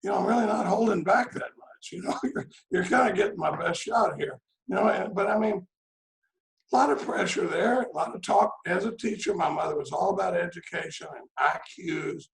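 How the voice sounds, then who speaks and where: A Dallas, Texas man in his 60s speaks briskly in a high, creaky voice, sharing his story at a recovery meeting. He rambles and cracks jokes, often saying "you know" and "I mean," while calling in by video from home. The room is reverberant and the audio poor.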